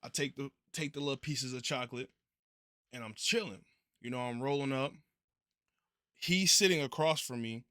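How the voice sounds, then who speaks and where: A man's voice: mid-range voice, moderate pace, pauses often, sharp tone, dry recording, clean studio sound. A young man telling a story in a casual, laid-back way, full of profane slang.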